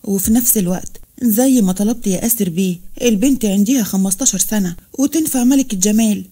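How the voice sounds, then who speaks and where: Woman reading as a greedy, scornful village woman with an Egyptian Arabic accent, mellow and rushed, in a storybook reading. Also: mid-range voice, lightly acted. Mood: bitter. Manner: blunt and scornful.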